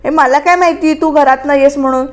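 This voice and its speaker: A woman's voice: high voice, fairly even intonation, fast talker, natural voice. A woman reading the lines of a feisty young wife who teases and argues back, in her own voice. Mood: bickering. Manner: teasing, argumentative.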